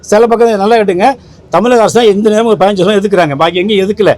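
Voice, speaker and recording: Man, high voice, quick, emphatic, rambling, press interview. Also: darkish tone. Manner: emphatic, rambling, repeats himself. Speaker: film association leader.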